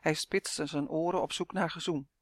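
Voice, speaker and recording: A narrator reading a children's novel aloud as an audiobook, telling it in a steady, expressive way. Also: medium pitch, moderate pace, no echo, clean studio sound.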